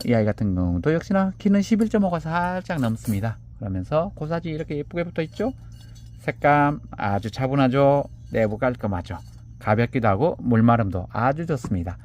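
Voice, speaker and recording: A man casually presenting handmade pots for sale, chatting gently as he measures each one. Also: mid-range voice. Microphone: camera on a table.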